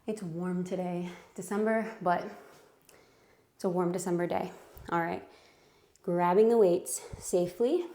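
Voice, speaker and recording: A woman's voice: on the low side, a little mellow, reverberant, a little hiss or hum. A woman leading a home workout, counting reps and giving encouraging cues while out of breath. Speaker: fitness instructor. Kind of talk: guided home workout instruction. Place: home room.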